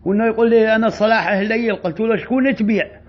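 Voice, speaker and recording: Shrill fast-talking man with Deir ez-Zor accent. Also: steady tone, muffled recording. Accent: Deir ez-Zor Syrian Arabic. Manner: scolding, shrill insults. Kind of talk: insult comedy voice message.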